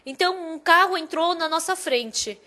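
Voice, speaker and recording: Woman preaching, pretty high voice, tells it like a story, drops quiet then gets loud. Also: normal speed. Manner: animated storytelling, loudness swinging from hushed to emphatic. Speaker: preacher delivering the sermon. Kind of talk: sermon told as a personal story.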